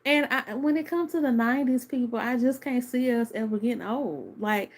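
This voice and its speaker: Speaking at a moderate pace in a slightly high voice, a woman in her thirties gives a casual video review straight to camera. She comes across as earnest and opinionated, chatting freely with plenty of fillers such as "like" and "you know."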